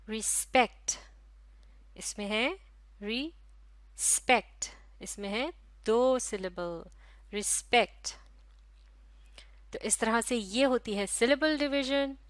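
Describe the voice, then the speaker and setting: A woman teacher with a Pakistani Urdu accent leads a recorded lesson for young children. She talks very slowly and stretches out each word for them to repeat, in a fairly high voice. The sound is dry and close, with no room echo. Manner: slow, drawn-out pronunciation of words for repetition.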